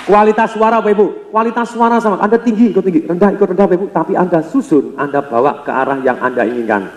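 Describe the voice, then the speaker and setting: An energetic male seminar speaker who keeps firing rhetorical questions at the crowd. His voice sits high and rushes along quickly. It booms around a large hall with a long, trailing reverb. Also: a little hiss or hum. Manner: energetic, addresses the audience constantly with rhetorical questions. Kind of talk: motivational seminar talk.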